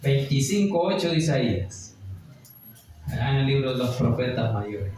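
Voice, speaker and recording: A man preaching a Bible study sermon, slowing and rising high as he reads scripture aloud. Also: lively intonation, darkish tone, faint music behind. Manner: rises sharply when reading scripture aloud, slow emphatic phrasing. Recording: echoey room, far from the mic.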